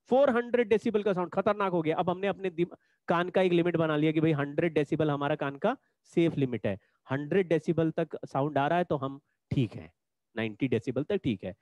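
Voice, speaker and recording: High-voiced man teaching a physics class. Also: a little mellow, no room sound, lo-fi sound. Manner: explains patiently, repeats key points. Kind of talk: online class lecture.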